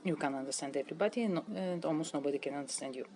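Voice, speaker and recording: A woman from Bulgaria, speaking English in a lively way with simple phrasing. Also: sits low, racing, very noisy. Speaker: expat interviewee. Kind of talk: casual talk to camera.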